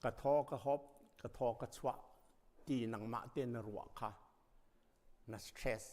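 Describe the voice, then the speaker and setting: A man preaching a sermon as pastor, speaking emphatically and rising to loud passages. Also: medium pitch, fairly even intonation, slow pace. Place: church sanctuary. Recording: long reverb of a church hall.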